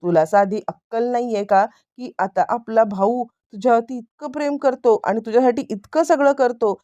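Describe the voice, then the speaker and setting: A woman's voice: medium pitch, normal speed, dark tone, highs cut off, lightly acted. A woman narrator voicing an angry, heartbroken middle-aged man who was betrayed by his brother, asking pleading, reproachful questions.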